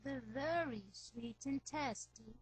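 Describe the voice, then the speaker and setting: A woman voicing a wicked old crone selling apples, hoarse and coaxing, in a storybook reading. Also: sits high, slow, faint music behind, voice pushed up, poor audio. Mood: wheedling. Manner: wheedling, coaxing.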